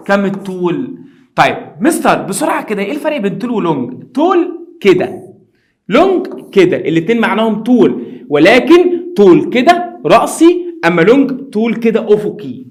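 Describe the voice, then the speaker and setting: A man with an Egyptian Arabic accent explaining English grammar in a lively, teasing classroom style, speaking directly to his students. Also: sits high. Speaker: English teacher.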